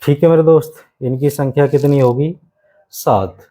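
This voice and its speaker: A male grammar teacher giving an exam-prep lesson. He repeats key phrases slowly for students to write down and keeps calling the class "my friend". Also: on the high side, fairly even intonation, mellow, poor audio.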